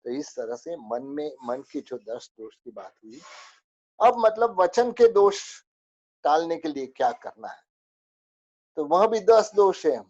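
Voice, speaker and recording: A man's voice: fairly high pitch, very animated, slow pace, a little mellow, dull audio. A man teaching a spoken religious lesson, going through a list of rules with many fillers.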